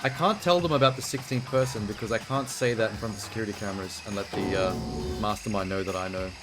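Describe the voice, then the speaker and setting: A man's voice: on the low side, quick pace. A man hosting a video game playthrough, giving casual, blunt and exasperated commentary and reading game text aloud. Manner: reacts exasperatedly, blunt asides. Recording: music behind the voice. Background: game music.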